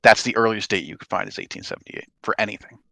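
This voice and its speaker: A man's voice: on the low side, sing-song, fast, gravelly, pushed and bright, no room sound. A man working as game master, explaining and narrating a tabletop game in an informal, conversational way.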